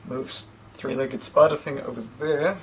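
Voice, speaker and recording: Picked up by a camera mic a few feet off, a thirtyish Kiwi man reviews tech, unboxing a gadget in a small room before a plain sheet. He talks chattily, wanders a little and pokes fun at himself, his medium-pitched voice fairly even at normal speed over background noise.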